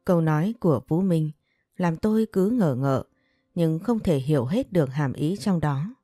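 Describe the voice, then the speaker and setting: A woman narrating a romance story in a calm, even reading voice. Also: low-pitched, normal speed, no echo, studio quality, faint music behind. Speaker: audiobook narrator.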